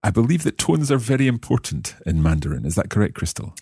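Guy hosting a chinese lesson, low voice, bouncy intonation, curious, repeats stuff carefully. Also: big pitch swings, quick pace, dark tone, slightly rough, no echo, clean studio sound. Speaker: host and learner. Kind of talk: language lesson chat.

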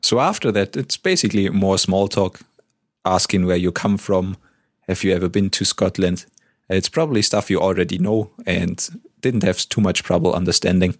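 Brief: male teacher, low voice, plain grammar explanations, dry close sound. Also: moderate pace, dry recording. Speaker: language teacher. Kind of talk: casual lesson talk.

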